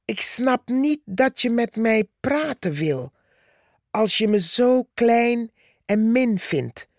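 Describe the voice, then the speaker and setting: Storybook: woman voicing a tiny defiant ant, calm and slow. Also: fairly high pitch, no room sound, clean studio sound. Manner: calm, cheeky, unimpressed. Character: tiny bold female red ant, hard-working and defiant.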